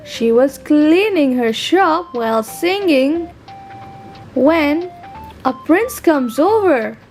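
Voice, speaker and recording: A woman narrates a children's storybook tale in a very high, lilting voice. She takes her time, with a lively sing-song rise and fall, and faint music plays in the background. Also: slow. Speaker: host and storyteller.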